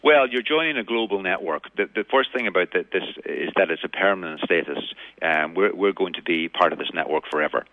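Middle aged donegal guy, really deep voice, stumbles over word starts, tinny phone line on radio interview. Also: brisk, no echo. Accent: Donegal Irish. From County Donegal, Ireland. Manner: hesitant, repeats word starts. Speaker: arts manager, interview guest.

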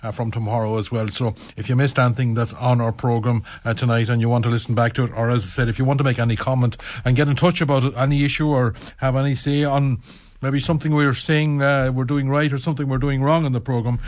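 A man with a Donegal Irish accent presenting live sport on local radio, talking in a halting, roundabout way and often correcting himself. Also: mid-range voice, flat delivery, darkish tone, dry recording. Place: radio studio.

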